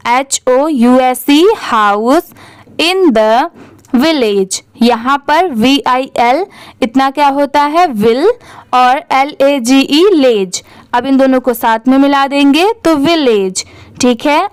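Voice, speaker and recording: A woman's voice: high-pitched, no room sound. A young Indian woman teaching English reading, patiently spelling words out letter by letter and then asking how each is read. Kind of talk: slow, patient reading lesson.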